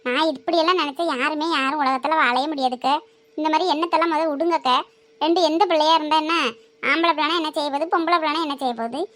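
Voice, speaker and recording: Woman as a gentle pleading neighbor woman. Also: high voice, steady tone, quick pace. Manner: gentle, reasoning, chiding softly.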